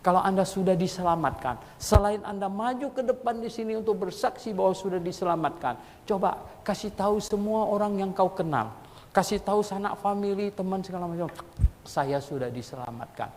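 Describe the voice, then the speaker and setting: A male pastor preaching a sermon in a colloquial, lively storytelling manner, his voice leaping high when he acts out quotes. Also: a little fast, slight background noise. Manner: colloquial Jakarta-style speech with frequent "gitu". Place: church hall. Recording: long church hall reverb.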